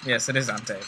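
A man playing a game with a friend in casual commentary, dry and teasing in a deadpan way. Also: medium pitch, noisy background. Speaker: let's play guest player.

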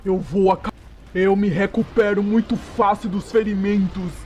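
A man voicing a protective father Tyrannosaurus, fierce and grieving, loud and impassioned. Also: high-pitched, fairly even intonation, normal speed, breathy edge. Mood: furious protective.

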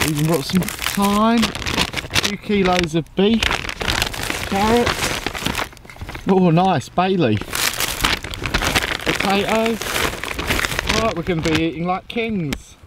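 The recording is very noisy, carrying the high voice of a man in his forties. He's an angler vlogging casually at a lakeside fishery with a handheld camera, cheerful, talkative, and playfully teasing.

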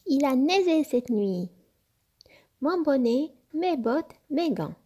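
A woman voicing a wise, calm little boy fox who talks gently and reassuringly in a storybook. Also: high-pitched, slow, voice pushed up. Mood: excited.

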